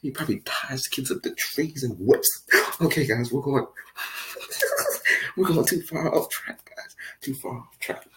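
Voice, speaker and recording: A man's voice: medium pitch, expressive, measured pace, fairly bright tone, slight background noise, low-quality recording. Rambling, giggly male vlogger. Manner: rambling, giggly, keeps drifting off track and addressing "guys". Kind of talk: storytime vlog.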